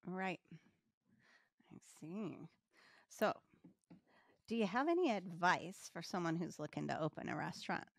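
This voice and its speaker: A woman's voice: on the low side, animated, unhurried, vocal fry, long pauses. A woman interviewing a chef, encouraging him and summing up his points. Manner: encouraging, sums up the guest's points. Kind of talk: casual interview.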